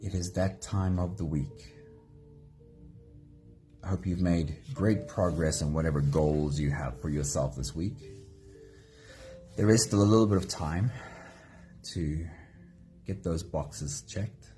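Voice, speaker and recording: A very deep-voiced man leads a live guided meditation at an unhurried pace. His tone is mellow and gentle. Soft music plays faintly behind him. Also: steady tone. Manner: slow, gentle, greets viewers by name. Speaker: meditation host.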